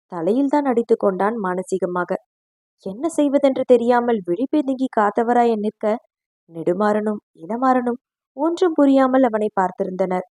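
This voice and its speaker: A woman narrating a novel aloud in a steady, expressive storytelling voice. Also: on the high side, no echo. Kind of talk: dramatic audiobook narration.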